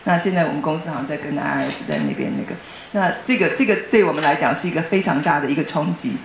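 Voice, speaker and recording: A woman shares a personal testimony, her voice sitting fairly low for a woman. She tells the story earnestly and grows excitable, stopping and restarting her phrases. The sound is roomy, with a faint hum of ambience behind her. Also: vocal fry. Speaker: church member giving a testimony.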